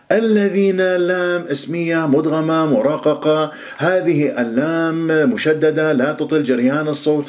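A middle-aged man teaching Quran recitation rules, explaining quickly and then reciting words slowly as models. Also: fairly high pitch. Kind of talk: tajweed pronunciation lesson.

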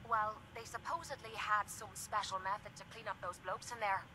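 A woman acts out a tough young Irish woman hooked on drugs and desperate for help. She speaks bluntly and pleads, in game dialogue with clear noise behind. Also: medium pitch, fairly even intonation, a little fast, lightly acted. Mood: hopeful. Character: tough young female drug addict companion, desperate for help. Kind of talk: dramatic video game dialogue.

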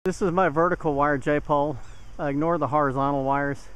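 A DIY radio hobbyist gives a casual, plain-spoken hands-on tutorial outdoors in a yard, filmed on a handheld camera whose mic picks up clear background noise. His voice is on the high side and a bit bright, fairly quick with fairly even intonation, and the recording quality is low.

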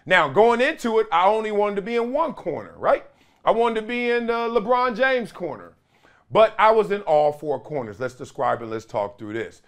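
Lively middle-aged man riffing on sports. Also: high-pitched. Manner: storytelling, acts out quotes, gestures broadly. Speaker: sports commentary host. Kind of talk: animated sports commentary. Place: small studio room with sports memorabilia.

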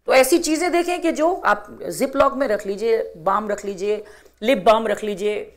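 A middle-aged woman with a slightly high voice delivers a religious talk to a gathering of women. She speaks earnestly and exhorts her listeners, repeating key phrases for emphasis.

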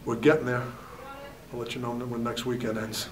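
A forties-aged head hockey coach responds candidly at a postgame press conference, leaning on "you know" a lot, in a monotone, medium-pitched voice at a moderate pace. The table mic is far away in the press room with a backdrop, and the background is noisy.

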